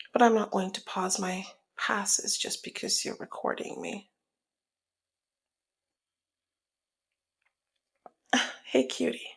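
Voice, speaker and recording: Voicing a dominant mob boss who teases in an ASMR roleplay drama, this woman sounds coy and confident, sultry and quietly menacing. Her voice is breathy and husky, a little high and exaggerated, and slips into whispers often.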